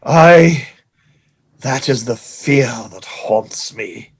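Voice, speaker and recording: An actor playing a vengeful, scheming pirate captain in an audio play, with a grandiose, drawn-out, melodramatic delivery. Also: male voice, mid-range voice, breathy edge, heavily acted. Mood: haunted dread.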